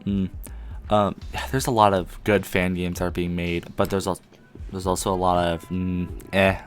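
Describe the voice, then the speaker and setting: A man's voice: deep voice, little pitch movement, moderate pace, soft background music. A young man hosting a casual podcast chat, rambling with lots of ums. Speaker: podcast host. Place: friend's house at night. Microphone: one mic shared with a co-host.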